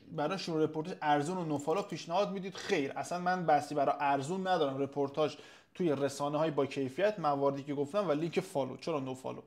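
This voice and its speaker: A man with a fairly high-pitched voice hosts a live webinar Q&A. He reads out audience questions and answers them off the cuff in a casual tone, with plenty of hesitations. He sounds like a consultant explaining things to his viewers. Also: a little mellow. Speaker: webinar host and SEO consultant.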